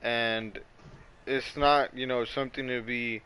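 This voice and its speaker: A man's voice: mid-range voice, steady tone, a little slow, a crowd in the background, rough recording. A young man hosting a casual podcast, talking earnestly and defensively, often trailing off and restarting. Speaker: podcast host. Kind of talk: casual chat.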